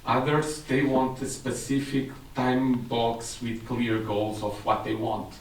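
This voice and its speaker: This is a Portuguese-accented man in his thirties presenting technical material at a seminar for a large crowd, explaining with somewhat non-native phrasing. His mid-range voice is flat and slow, and the far-off, echoey room recording has slight background noise.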